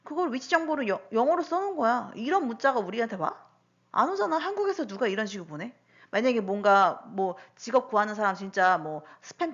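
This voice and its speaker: A woman in her thirties casually recounting personal incidents in a monologue, full of rhetorical questions. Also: on the high side. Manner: animated, lots of rhetorical questions and fillers. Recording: dull lo-fi recording.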